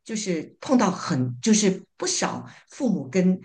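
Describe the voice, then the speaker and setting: A woman summarizing her church small group's discussion in a casual, halting way, with frequent fillers and repeated words. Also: lowish voice, very animated, darkish tone. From living in North America.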